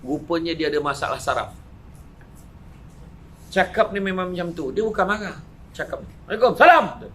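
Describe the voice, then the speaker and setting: A Malaysian-accented man gives a lively motivational talk to a live audience, mixing stories and asides. His voice sits a little high and swings between loud outbursts and quiet remarks. A faint hum of noise runs underneath. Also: normal speed, pauses often. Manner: chuckles often while telling anecdotes. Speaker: motivational speaker. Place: event venue before a live audience.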